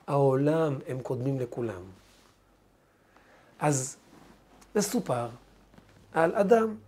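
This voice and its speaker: A man's voice: a little high, warm tone, slightly rough. A male rabbi giving a sermon, telling a story emphatically and often repeating his words.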